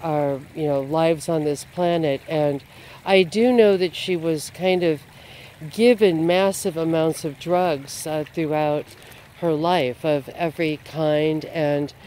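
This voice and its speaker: Rambling outdoor vlogger, a man with a high voice, faint boats and water behind. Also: steady tone, slow pace, darkish tone, slight background noise. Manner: meandering, full of "you know" and "um". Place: outdoors by a river.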